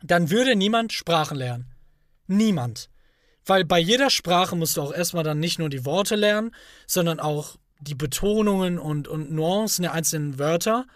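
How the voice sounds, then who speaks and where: High-voiced man in casual podcast chat. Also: lively intonation, normal speed, no room sound, clean studio sound. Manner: earnest, argues his point at length. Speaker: podcast co-host.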